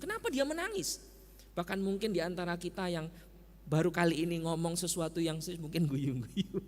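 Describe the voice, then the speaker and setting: A man preaching a sermon as pastor, animated, firing rhetorical questions at the congregation. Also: high voice. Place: church sanctuary. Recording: echoey church hall.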